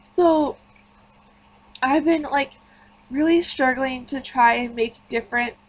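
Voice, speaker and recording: A woman's voice: sits high, slow pace, poor audio. A woman giving casual, rambling voice-over commentary on a home-building game. She sounds tired and chatty, drifting from one thought to the next. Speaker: gaming YouTuber.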